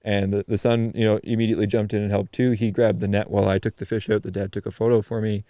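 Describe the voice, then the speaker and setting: Male podcast guest from eastern Canada, lower voice, dry close sound, animated storyteller with frequent restarts. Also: quick pace, no echo. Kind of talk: casual storytelling chat.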